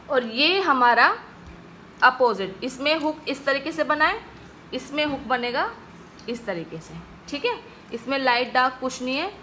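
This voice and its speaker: Slow, bright-voiced woman teaching. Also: sits high, slight background noise. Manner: patient, repeats "ठीक है guys" often. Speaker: stenography teacher. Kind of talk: video lesson explaining strokes.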